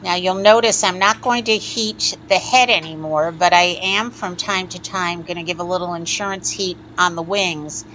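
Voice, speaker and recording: A woman talks through a hands-on glassworking demonstration in a calm, methodical teaching voice. Her voice sits a little low, and the recording is slightly muffled, with a faint hiss underneath. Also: moderate pace, few pauses. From United States. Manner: calm, instructive, methodical explanations. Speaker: glass artist teaching a lampworking demo. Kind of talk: step-by-step tutorial narration.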